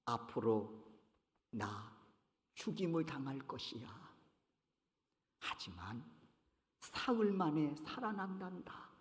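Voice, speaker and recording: A man voicing Jesus as a calm, gentle teacher, speaking softly and solemnly. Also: fairly high pitch, unhurried, in a large hall, pitched below the performer's own voice.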